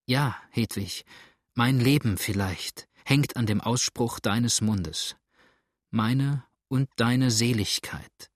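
Desperate fleeing judge, pleading and trembling, husky dry voice, read by a man. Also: medium pitch, slow pace, no room sound.

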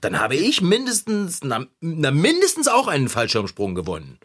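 A man playing a cheerful, optimistic bicycle repairman in a children's radio play, excitable and husky. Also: normal speed, exaggerated voice. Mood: excited. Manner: excitable, swoops wildly in pitch.

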